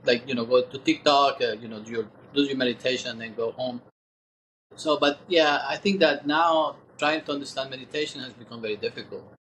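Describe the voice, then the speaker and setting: A man in his sixties speaking as an interview guest, thoughtful and halting, pausing often as he gathers his words. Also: mid-range voice, fairly bright tone, a little hiss or hum, rough recording. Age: 60s. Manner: thoughtful, halting, many pauses. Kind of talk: reflective interview talk.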